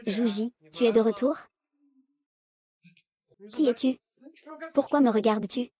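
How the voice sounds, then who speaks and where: A woman's voice: on the high side, measured pace, warm tone, breathy edge, dry recording. A woman reading the dialogue of a dubbed drama, voicing every part in the same unchanging voice. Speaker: voice-over reader of a drama recap.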